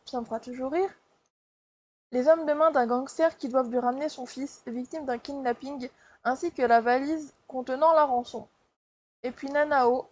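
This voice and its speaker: Chatty high-voiced woman book vlogger. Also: darkish tone, dull audio. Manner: chatty, hesitant, many fillers and restarts. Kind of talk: casual monthly reading wrap-up.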